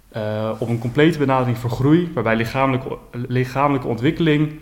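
A man hosting a podcast, introducing the guest and then asking questions in a halting way. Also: mid-range voice. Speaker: podcast host. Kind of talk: podcast interview.

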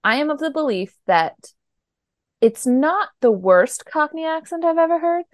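A woman's voice: high voice, animated, normal speed, no echo, studio quality. A young woman co-hosting a podcast in casual chat, with wry joking asides. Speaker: podcast co-host.

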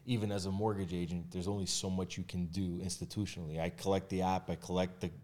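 A man with a very low voice talks things through in an easy podcast chat. He is candid and relaxed, and he often restarts his sentences and fills the gaps with "uh" and "you know.". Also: fast. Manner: candid, conversational, with frequent fillers and restarts. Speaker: mortgage agent and realtor guest. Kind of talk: casual podcast conversation.

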